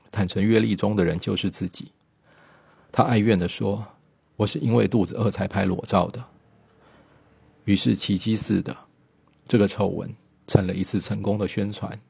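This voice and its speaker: A man narrating a biographical documentary in a steady storytelling manner, with occasional small slips. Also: on the low side, creaky, slightly rough, no room sound.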